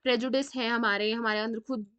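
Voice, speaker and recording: A woman's voice: fairly high pitch, steady tone, brisk, fairly bright tone, clear, resonant tone. A woman with a North Indian accent giving a chatty psychology lecture, mixing Hindi and English and asking rhetorical questions. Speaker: psychology teacher. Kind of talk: classroom lecture. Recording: dull lo-fi sound.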